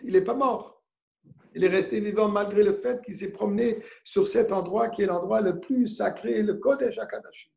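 Gravelly high-voiced man teaching Torah. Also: dark tone. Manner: storytelling, asks and answers his own questions; mixes Hebrew terms into French. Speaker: rabbi. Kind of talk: Torah lesson.

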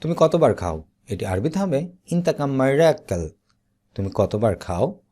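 A man teaching Arabic vocabulary, saying each word slowly and then repeating it. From Bangladesh. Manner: slow, deliberate repetition with lively pitch. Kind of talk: slow vocabulary drill, each word said twice.

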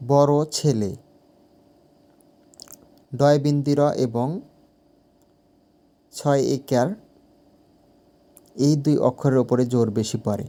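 Slow, mellow-voiced male teacher. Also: mid-range voice, fairly even intonation. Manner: slow, deliberate, repeats phrases to correct himself. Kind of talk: exam-answer lesson.

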